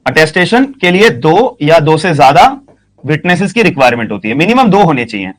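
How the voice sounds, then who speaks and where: A man teaching a law class, speaking slowly and repeating questions and answers so students can write them down, with phrases. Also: fairly high pitch, big pitch swings. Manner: slow dictation, repeats questions and answers, frequent "ठीक है" checks. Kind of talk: classroom lecture.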